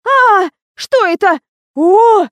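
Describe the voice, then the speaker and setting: A brash, irritable young office worker, put on by a woman reading aloud in an audiobook. She snaps and scolds in a raised, lively voice that jumps around a lot. The delivery is dry and close. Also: high voice, moderate pace, dry recording, voice pushed up. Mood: panicked. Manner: snappy, scolding.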